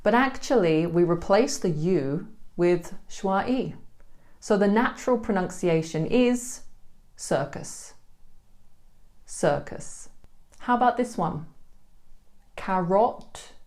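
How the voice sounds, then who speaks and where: A woman with a British accent teaching English pronunciation, saying words slowly and carefully for learners to repeat. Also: mid-range voice, animated, a little mellow. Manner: slow, careful, demonstrating words one by one. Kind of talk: pronunciation lesson.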